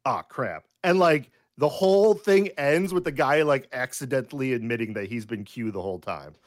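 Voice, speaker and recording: A man's voice: medium pitch, a little fast. A man in casual podcast chat, telling stories animatedly and acting out quotes. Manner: animated storyteller, acts out quotes in lively voices.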